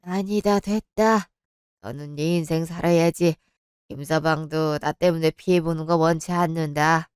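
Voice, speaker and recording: A woman voicing a resigned middle-aged father who speaks low and heavy in old-fashioned phrasing. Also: fairly even intonation, a little slow, clean tone, no echo, studio quality. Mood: somber.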